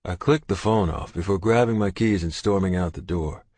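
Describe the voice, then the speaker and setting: Deep gruff male audiobook narrator. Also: moderate pace, darkish tone, no room sound. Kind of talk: first-person romance audiobook narration.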